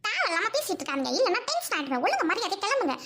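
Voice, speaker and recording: A woman acting a sharp-tongued, quarrelsome young bride in a Tamil audio drama, scolding her husband and his family. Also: very high voice, sing-song, rapid-fire, full character voice. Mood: defiant.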